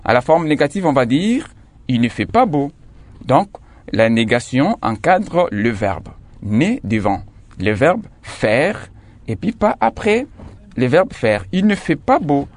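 A man teaching a radio school lesson on grammar, slowly stressing each example sentence. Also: medium pitch, very animated, dry recording. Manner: slow, emphatic dictation of example sentences.

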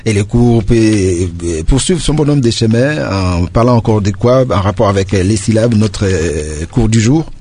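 A man's voice: lowish voice, normal speed, few pauses, mellow, breathy edge. A man hosting an educational broadcast, introducing speakers with frequent hesitations. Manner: hesitant, frequent fillers between phrases. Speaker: broadcast host.

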